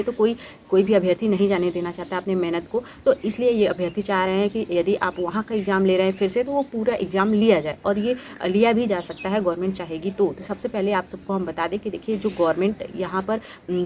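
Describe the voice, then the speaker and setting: A woman's voice: fairly low pitch, a little mellow, highs cut off, a little hiss or hum. A woman talking straight to her viewers with earnest, pleading commentary, full of fillers and restarts. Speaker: YouTube commentator on exams. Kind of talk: direct-to-camera commentary.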